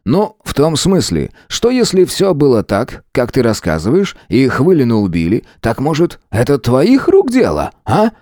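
A man's voice: medium pitch, wildly swooping pitch, normal speed, few pauses, no room sound, clean studio sound, voice pushed up. A man putting on a sarcastic, mocking police chief. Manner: mocking, sharp-tongued. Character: sarcastic, dismissive male police department chief. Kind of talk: audiobook character voice.

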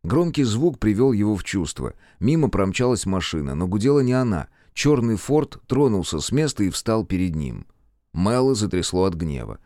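A man narrating an audiobook with expressive storytelling. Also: on the low side, moderate pace, no echo, clean studio sound. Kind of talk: scripted narration.

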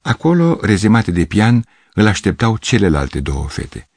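A man reading a literary story aloud as narrator, in a measured, expressive manner. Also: lowish voice, husky, dry recording.

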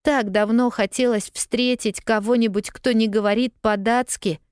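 A woman's voice: on the high side, steady tone, normal speed, a little mellow, clear, resonant tone, dry recording, studio quality, pitched above the performer's own voice, close to an everyday voice. A woman voicing a lost young girl who is tearful yet stubbornly cheerful, talking in an eager, pleading way. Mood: eager relief.

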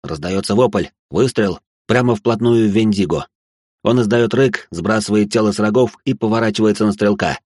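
A man with a low, husky voice narrates a first-person story, dramatic and quick with side remarks. The recording is dry and close. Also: darkish tone, no echo.

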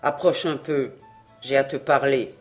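A stern, elderly village priest speaks low and firm, utterly resolute, as a reader puts him on. His words come hushed and controlled. Faint music plays quietly underneath. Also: steady tone, unhurried, close to an everyday voice.

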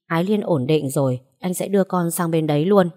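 Woman reading a worried gentle husband. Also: lowish voice, a little fast, natural voice. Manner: quiet, calm.

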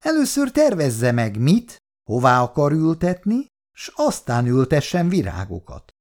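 An eager young neighbor for a 1960s radio drama, ceremonious and formal. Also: male voice, fairly high pitch, wildly swooping pitch, a little mellow. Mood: solemn. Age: young adult.

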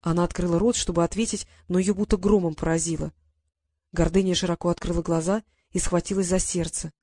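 A woman narrating a romance novel in a measured, even reading. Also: fairly low pitch, no room sound, studio quality. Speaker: audiobook reader. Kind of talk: scripted narration.

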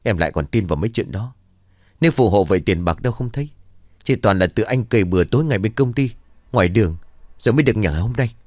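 A man voicing a stubborn, quick-tempered husband who snaps back with fast, scornful retorts. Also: on the low side, animated, darkish tone, dry recording, clean studio sound, natural voice.

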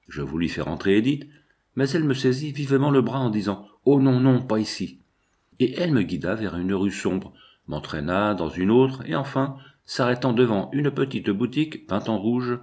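A man reading a novel aloud in first person, with measured, expressive storytelling. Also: on the low side. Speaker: audiobook narrator.

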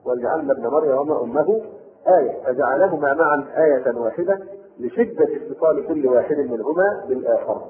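Fast-talking Egyptian sheikh on tinny tape. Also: male voice, mid-range voice, animated, crowd noise. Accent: Egyptian Arabic. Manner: reads classical text then explains in colloquial asides, self-correcting. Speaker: Quran tafsir teacher. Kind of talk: Quran commentary lesson.

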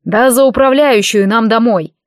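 A woman's voice: a little high, normal speed, no room sound, clean studio sound, lightly acted. A woman voicing a haughty, sarcastic male elf in armor in an audiobook. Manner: sarcastic, eye-rolling.

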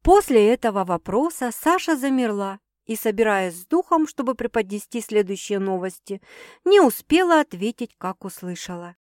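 A woman narrating an audiobook in an even storytelling read. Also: medium pitch, moderate pace, no room sound, studio quality. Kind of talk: scripted narration.

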